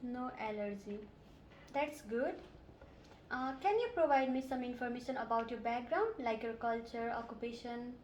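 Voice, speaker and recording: A woman's voice: on the high side, moderate pace, a little mellow, slight background noise. A woman from Nepal, playing a nurse and asking polite, methodical questions in a scripted health assessment role-play. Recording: roomy echo.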